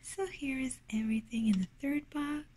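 Whispering close to the microphone at an indoor table, a woman unboxes items for ASMR, her breathy, gentle voice sounding delighted. She speaks at normal speed in a high pitch, with slight background noise.

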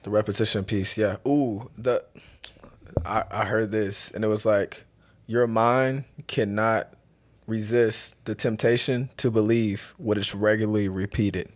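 Casting: low-voiced man, earnest podcast co-host, reflective faith talk. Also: steady tone, a little slow. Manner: earnest, reflective, quotes sayings. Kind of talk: casual faith chat.

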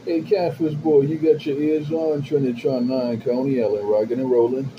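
A man's voice: mid-range voice, level tone, normal speed. A man talking over a CB radio from his base station, calling out his handle with rhythmic, repetitive sign-offs. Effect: CB radio transmission. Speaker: CB radio operator. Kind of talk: CB radio chatter with repeated handle call-outs. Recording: muffled radio with static hiss.

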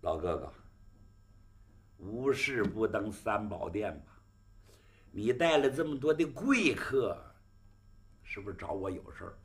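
Storyteller man as a gravelly, effusive bandit chieftain. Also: fairly low pitch, animated, unhurried, long pauses, voice pushed down. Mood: probing. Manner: effusive, exclaiming. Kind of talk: dramatic storytelling role.

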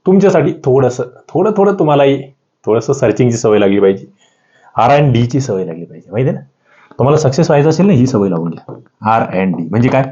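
A man with a Marathi accent teaching an exam-prep lesson, rising sharply in pitch on the key answers. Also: sing-song, fast, warm tone. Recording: slightly dull lo-fi audio.

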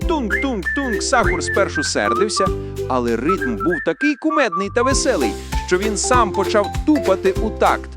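A man narrating a children's fairy tale with lively storytelling. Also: high voice, moderate pace. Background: music.

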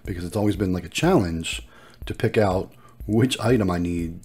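In a low-pitched, slightly mellow voice at a moderate pace, a vlogger who runs vending machines talks through his casual video. He sounds upbeat and appreciative and explains as he goes along.

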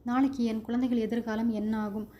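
A woman's voice: on the high side, level tone, a little fast, warm tone, natural voice. A woman voicing a convict's wife, a guarded, protective mother who speaks firmly and defensively. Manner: firm, defensive.

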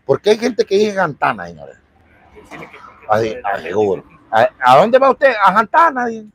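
A man's voice: fairly high pitch, no echo. A man with a Salvadoran Spanish accent livestreaming from a city street, chatting with viewers and greeting them by name. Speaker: livestream vlogger. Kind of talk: casual live street stream.

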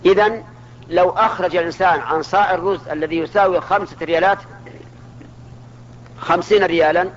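A man's voice: high voice, steady tone, a little fast, pauses often, slight background noise. A man teaching a religious lesson, asking his listeners questions and answering them himself. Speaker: Islamic scholar teaching. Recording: dull lo-fi archival recording.

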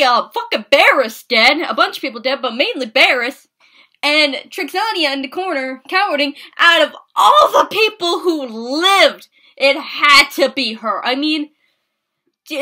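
Female vlogger, high bright voice; rambling, profane, emotional recap. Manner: rambling, swearing, emotional, with many restarts. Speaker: podcast recap reviewer. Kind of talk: casual episode recap.

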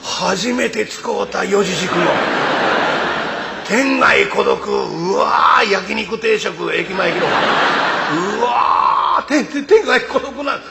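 A man with a Kansai accent voicing a dim-witted, cheerful young townsman in a rakugo story, stammering and excitable. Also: sits high, takes it slowly, vocal fry, long reverb tail, heavy background noise, full character voice. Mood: excited.

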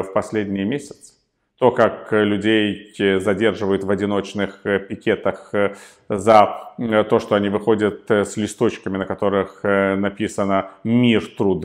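Male commentator, lower pitch, deliberate delivery with frequent filler pauses. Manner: measured, frequent hesitation fillers. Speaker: political commentator. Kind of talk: solo video commentary.

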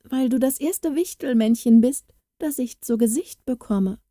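A woman's voice: sits high, measured pace, warm tone, no echo, clean studio sound. A woman voicing a timid, lonely young village girl who speaks in an eager, pleading way in a storybook. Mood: earnest.

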